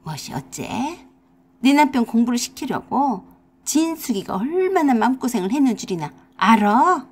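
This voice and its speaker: Woman voicing a shrill nagging old mother-in-law. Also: sing-song, normal speed, darkish tone. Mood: scolding. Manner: shrill nagging with rural dialect words. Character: scolding older mother-in-law, domineering and self-pitying. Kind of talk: radio drama acting.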